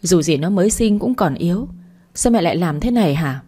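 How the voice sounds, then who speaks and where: An exasperated young husband, as a woman narrator voices him, snapping in clipped, sharp sentences. The voice sits low and mellow. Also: expressive, a little fast, breathy edge. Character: angry young husband defending his wife.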